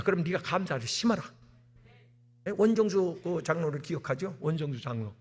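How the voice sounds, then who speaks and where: A man, the senior pastor, preaching an animated sermon in a church, repeating key words and acting out stories. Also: fairly high pitch, husky. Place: church sanctuary.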